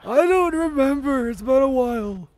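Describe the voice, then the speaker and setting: A man's voice: very high voice, animated, normal speed, a little mellow, no echo. A man playing a doddering, apologetic retired grandfather in an online role-play game, a young person faking an old voice. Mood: forgetful, defensive.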